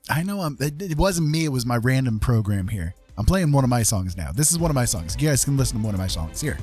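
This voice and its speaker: This former radio host, now a live streamer, chats loosely and informally with viewers while music plays behind him. His mid-range voice swings widely in pitch, moving fast with a darkish tone and a breathy edge.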